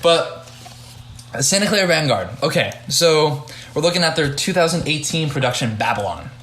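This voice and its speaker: A man's voice: on the high side, lively intonation, fairly bright tone, roomy sound. A young man hosting a casual podcast, chatting loosely as a judge with frequent restarts and hedges. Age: young adult. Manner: halting, hedging, many restarts.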